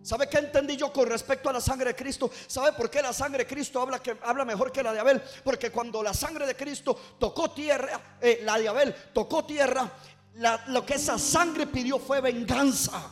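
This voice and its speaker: A man preaching a sermon in a strikingly high voice. He calls out to his congregation and has them repeat after him, drawing out key words for emphasis. Faint music plays behind him. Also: fairly even intonation, moderate pace. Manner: preaching with call-and-response to the congregation. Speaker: pastor.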